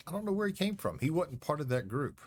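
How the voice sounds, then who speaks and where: A man's voice: a little high, big pitch swings, quick pace. A man streaming a space game, chatting casually and talking back to the game. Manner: rambling, talks back to the game. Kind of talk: casual chat while playing.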